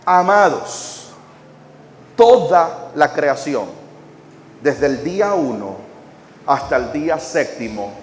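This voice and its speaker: A man preaching a sermon, leading the congregation to repeat his words and swinging from quiet drawn-out phrases to shouted emphasis. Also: medium pitch, a little hiss or hum. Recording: echoey hall.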